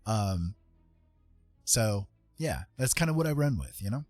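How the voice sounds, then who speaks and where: This middle-aged man, an artist and writer, talks earnestly and hesitantly while hosting a laid-back livestream over background music. His voice is on the low side, darkish and very animated but a little slow, with no echo.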